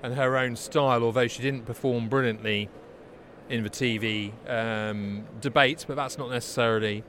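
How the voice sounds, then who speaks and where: A man's voice: medium pitch, steady tone, normal speed, a bit bright, slight background noise. A male journalist commenting on a candidate in English, confident and fluent. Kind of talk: interview answers.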